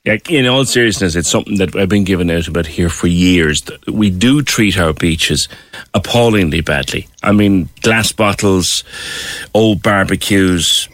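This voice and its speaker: A man with an Irish accent speaks as a show host. His voice sits a little low, and the sound is very dry. He interviews in a conversational, everyday way. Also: normal speed, a bit bright, no echo.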